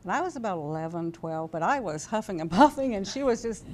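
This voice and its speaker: An interview guest in her sixties from California, with an American accent, talks fast in a mid-range, darkish voice full of lively intonation while reminiscing casually and hesitantly. She's indoors at a desk in a TV studio on a lapel mic.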